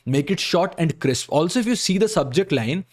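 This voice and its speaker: A man's voice: on the high side, animated, normal speed. A man with an Indian accent giving a blunt, instructive critique to camera, often checking in with short tag questions. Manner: blunt, instructive, repeats points with frequent "okay?" tags. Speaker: video creator reviewing job application emails.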